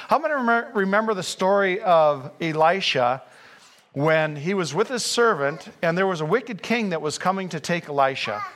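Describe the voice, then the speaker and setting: A man's voice: high voice, fairly bright tone, slight background noise. A man preaching a sermon as pastor, reading scripture and speaking earnestly, rising to fervent emphasis.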